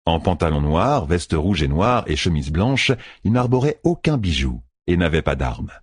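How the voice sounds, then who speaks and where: A male narrator reads a novel aloud with measured expression. His voice is low and husky, moving widely in pitch. The recording is dry and close. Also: big pitch swings, dry recording. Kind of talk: audiobook narration.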